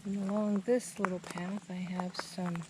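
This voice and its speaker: A woman giving a casual, unhurried, plainspoken tour of a garden. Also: mid-range voice, flat delivery. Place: outdoors in a garden. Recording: noisy outdoor recording with insect sounds. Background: crickets and insects.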